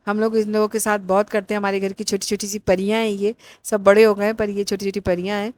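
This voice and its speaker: A woman's voice: medium pitch, flat delivery, darkish tone, dry recording. A middle-aged woman narrating a family outing in a casual, rambling vlog with many fillers. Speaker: vlogger.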